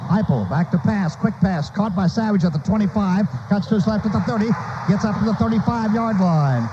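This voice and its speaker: A little fast and high-pitched, an American play-by-play man delivers live radio coverage of a football game. His phrasing is choppy, urgent, and staccato, heard through a dull, noisy lo-fi broadcast.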